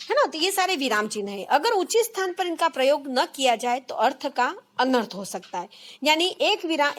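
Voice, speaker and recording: High-voiced woman teaching a grammar lesson. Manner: explains step by step, repeats key terms, self-corrects. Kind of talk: exam-prep grammar lesson.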